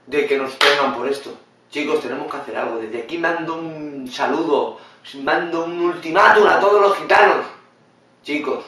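Blunt, animated male vlogger, high bright voice, booming echoey room, mic set back. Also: creaky, far from the mic. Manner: animated, blunt and swearing, mimics others in funny voices. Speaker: vlogger reacting to a video. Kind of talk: casual opinionated commentary.

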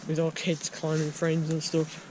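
A man's voice: on the high side, completely flat delivery, unhurried. A teenage boy casually narrating a walkthrough of an abandoned building, filling his talk with "like" and "guys". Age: teens. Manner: loose, filler-heavy commentary with many "like" and "guys". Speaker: urban explorer vlogger. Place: abandoned building, indoors and outdoors. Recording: loud background noise.

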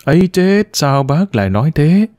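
A man's voice: mid-range voice, animated, moderate pace, darkish tone, no room sound, studio quality, close to an everyday voice. A man reading a story, voicing a polite, somewhat flustered older grandfather who talks courteously and hesitantly.

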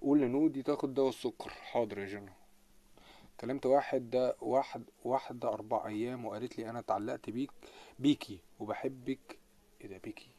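A man's voice: medium pitch, quick pace. A man with an Egyptian Arabic accent, hosting a casual live stream, reading out comments and joking with his viewers with lots of laughter. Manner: joking, animated, laughs often.

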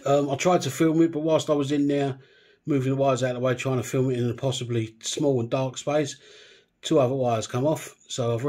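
A man casually walking through a guitar restoration and explaining each step in a relaxed, chatty way. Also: medium pitch. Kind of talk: casual workshop demonstration.

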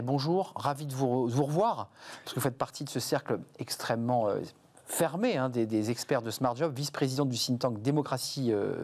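Male TV talk host, middle pitch, informal, halting delivery with many fillers. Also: darkish tone. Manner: hesitant, frequent "euh" fillers and restarts. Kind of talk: live TV talk show hosting.

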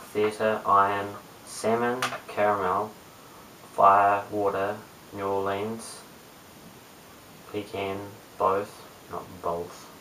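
A late-teen amateur video blogger from Christchurch, New Zealand, chats casually to camera with a New Zealand accent in a low-key, hesitant mumble, yet his tone is bright and forceful. He sits in a small bare room indoors, recorded by a webcam at a short distance that sounds roomy, distant and hissy.

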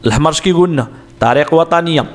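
A man's voice: on the high side, rapid-fire. A man with a Moroccan Arabic accent explaining road sign exam answers step by step, asking questions and answering them himself. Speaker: driving instructor.

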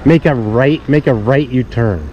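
In an unhurried, mid-range voice with a darkish tone, a middle-aged man vlogs while out riding, chatting loosely to viewers with joking asides. The setting is a suburban street outdoors, recorded on dull action-camera audio full of street noise.

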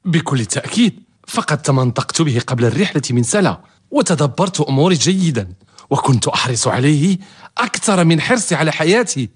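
Husky, animated servant suitor. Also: male voice, on the high side, fairly quick. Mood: boastful. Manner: theatrical, expressive. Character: male servant, cunning, devoted, eager suitor. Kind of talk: radio drama acting in formal Arabic.

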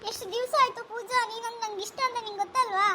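A woman voicing a gushing cartoon girl with a squeaky, extremely high voice. She is all big feelings and quick tears. A clear hiss from the home recording runs under her. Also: steady tone, pushed and bright, full character voice. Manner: gushing, overly emotional. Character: excitable girl, big sister and hostess. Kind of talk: animated cartoon skit voice.

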